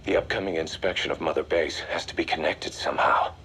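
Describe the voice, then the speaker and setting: An actor playing a military intelligence strategist in a video game, delivering a grave, deliberate, commanding briefing. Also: male voice, rumbling low, fairly even intonation, pushed and bright, a little hiss or hum. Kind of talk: video game voice acting, mission briefing dialogue.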